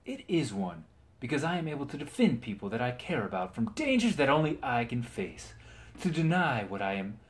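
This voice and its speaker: A man's voice: medium pitch, lightly acted. A man voicing a cheerful young male zombie knight who boasts and laughs triumphantly.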